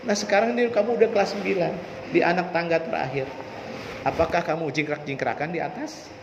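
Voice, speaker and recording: A man's voice: on the high side, a little fast, gravelly. A man giving a motivational storytelling talk to students, asking rhetorical questions. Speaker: school orientation speaker. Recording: echoey hall, dull sound, faint noise.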